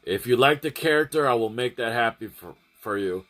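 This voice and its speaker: A man's voice: medium pitch, animated, fairly quick, a bit bright, faint music behind. Rambling man chatting to his stream. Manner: rambling, restarts and repeats phrases. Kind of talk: casual chat to a livestream audience.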